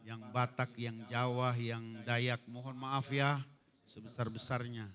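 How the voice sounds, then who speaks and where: A middle-aged man with a Manado accent preaching a sermon as pastor, animated, with humorous asides and bursts of shouting. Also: medium pitch, slow pace.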